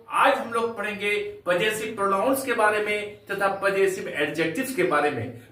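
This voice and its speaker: A man's voice: high-pitched, pushed and bright. A man teaching English grammar to students, emphatic and repetitive, asking rhetorical questions as he explains. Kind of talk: classroom grammar lesson. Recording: very echoey room, from far off.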